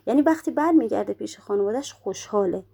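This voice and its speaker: A woman's voice: medium pitch, expressive, creaky, warm tone, breathy edge. A woman giving a religious lecture, explaining step by step and posing rhetorical questions that she then answers herself. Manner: slows down to recite prayer quotations.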